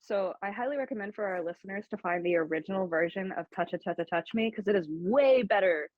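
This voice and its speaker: A woman's voice: medium pitch, animated, fast, dry recording, phone-quality sound. Laughing woman retelling a film's plot. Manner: recaps the plot with laughter and profanity. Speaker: podcast co-host. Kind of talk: casual chat.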